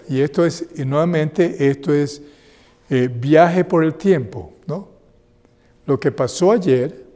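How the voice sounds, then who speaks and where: A man's voice: on the high side, dark tone. Man presenting in a reverberant hall. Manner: conversational, checks in with frequent tag questions. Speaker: seminar presenter. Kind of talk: health seminar talk. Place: seminar room.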